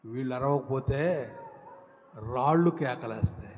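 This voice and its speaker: A man preaching a sermon as a pastor, asking rhetorical questions and swinging between loud exclamations and low, quiet lines. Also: a little slow, big-room sound, slight background noise. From India.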